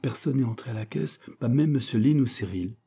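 A man's voice: medium pitch, brisk, vocal fry, warm tone, breathy edge, pitched above the performer's own voice. A man reading a teasing young brother. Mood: amused.

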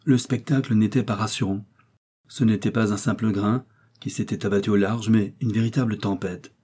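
A man reads a novel aloud in measured, even narration. His voice sits low and mellow, with a husky edge to it. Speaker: audiobook narrator.

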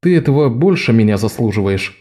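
A man voicing Locke, a wily adult male con man who talks in a wry, quiet way. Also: medium pitch, animated, brisk, natural voice. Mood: tender.

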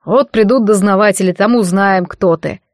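A man's voice: sits high, normal speed, no room sound, clean studio sound. A woman reading an audiobook, voicing a harsh male dungeon guard who speaks curtly and scornfully. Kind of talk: audiobook character voice.

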